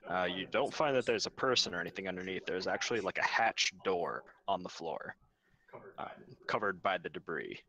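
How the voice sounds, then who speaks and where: A young man narrating a tabletop game as game master, relaxed and full of fillers and pauses. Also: sits low. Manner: relaxed, hesitant with many fillers.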